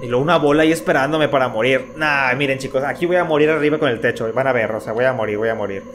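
A man's voice: mid-range voice, fast talker, a bit bright, a little hiss or hum. A young man giving jumpy, panicky let's-play commentary to his viewers. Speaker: gaming YouTuber. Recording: music playing behind.

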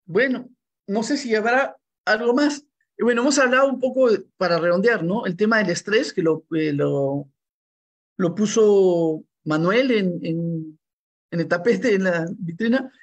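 A middle-aged man hosting a relaxed video call chat from a room at home, rambling with fillers and restarts. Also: high-pitched. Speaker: host. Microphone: laptop mic on video call.

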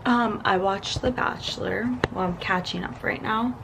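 A woman's voice: mid-range voice, a little slow, creaky, a bit bright. A woman in her twenties chatting casually to camera in a vlog, sometimes dropping to a whisper. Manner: chatty, with whispered morning asides. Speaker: vlogger. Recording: noisy phone-camera vlog audio.

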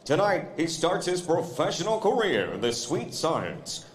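A man's voice: on the high side, sing-song. A man working as a boxing ring announcer, stretching out the fighters' names. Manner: drawn-out shouted fighter names. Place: convention center arena. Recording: echoey arena sound.

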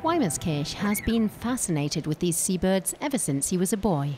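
A woman narrates a nature documentary in a fairly low voice. She reads from a script, with music clearly playing underneath. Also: very animated, normal speed, a little mellow. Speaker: report narrator. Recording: voice-over with music bed.

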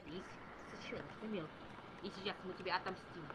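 A man's voice: high voice, fairly even intonation, a little fast, very noisy. A man improvising casual role-play as a co-player in an amateur game skit.

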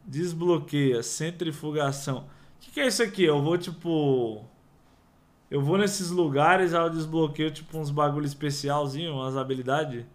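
Slangy young Brazilian gamer. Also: male voice, on the high side, moderate pace. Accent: Brazilian Portuguese. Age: young adult. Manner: casual, slangy, swears, mumbles while reading. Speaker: gaming youtuber. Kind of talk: let's play commentary. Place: small room indoors. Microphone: headset.

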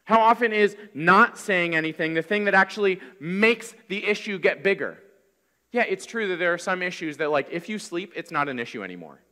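A man in his thirties preaching a sermon from a pulpit, in a conversational, energetic way. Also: high-pitched, a little fast. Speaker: pastor. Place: large church hall, on stage at a wooden pulpit. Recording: reverberant church hall.

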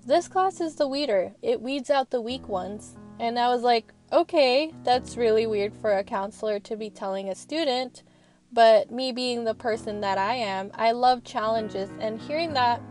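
A young woman student records a casual, rambling voice-over from her parked car. She talks in an earnest, frank way, her voice sitting a little high. Gentle music plays quietly under her. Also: normal speed. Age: young adult. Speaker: student vlogger.

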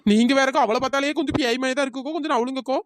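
A woman's voice: sits high, fairly even intonation, rapid-fire, slight background noise. A woman voicing a frightened younger girl in a cartoon story, pleading and whining. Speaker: cartoon voice performer.

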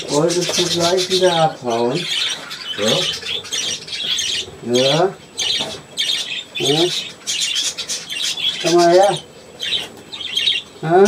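Low, slow woman, soothing pet birds, noisy take with chirping behind. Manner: cooing, soothing, repeats short questions. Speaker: bird keeper. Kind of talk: coaxing talk to pet budgies. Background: chirping and squawking budgies.

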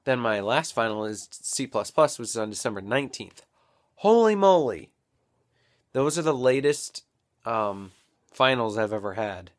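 A young man vlogging casually at home, rambling and thinking out loud into a built-in camera mic. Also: mid-range voice, animated, unhurried. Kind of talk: casual daily vlog.

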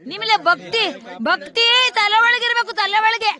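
With a bright, forceful, very high voice at a normal pace and fairly even intonation, this woman vlogger talks casually to people around her. Her Kannada accent is from rural southern Karnataka, and she scolds them with one rhetorical question after another. Crowd noise fills the background of the live location.

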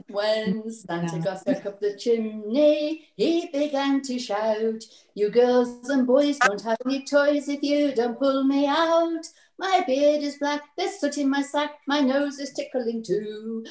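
A woman's voice: fairly high pitch, slow pace, a little mellow. Cheery woman singing to kids in a roomy space. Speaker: children's singing session leader. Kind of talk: singing and speaking to children.

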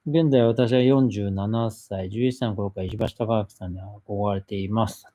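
A man's voice: lowish voice, a little slow, dark tone. Man reading out and answering viewer questions. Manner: reads a viewer's question aloud, then explains at length. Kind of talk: casual live-stream talk.

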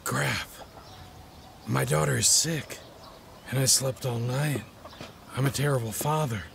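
A man's voice: medium pitch, a little slow, gravelly, fairly bright tone, a little hiss or hum. A weary, bewildered father. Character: tired widowed father, bewildered.

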